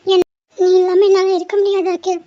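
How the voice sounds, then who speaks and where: A woman voicing an anxious, devoted young woman in love in a homemade animated cartoon, pleading and clinging. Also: brisk, no room sound, lo-fi sound. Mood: pleading, fearful. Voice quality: very high, girlish.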